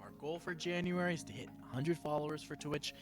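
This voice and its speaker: A man's voice: a little high, steady tone, fairly quick, music in the background. A man hosting an online tabletop game discussion and narrating as dungeon master in an upbeat, loose way.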